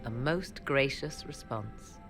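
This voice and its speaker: Taking it slowly in an extremely low pitch, an actress gives an expressive, full character voice to an aloof, sardonic woman mage who deals in forbidden arts. Her lines use formal, old-fashioned phrasing and dry, teasing asides, with music in the background of this video game cutscene.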